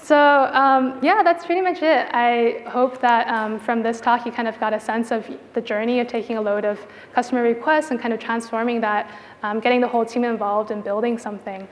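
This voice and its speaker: Fairly quick and steady in tone, a woman with a fairly high pitch presents at an indoor conference as a product designer. She speaks casually with frequent "like" and "you know," and the hall gives her voice a long echo.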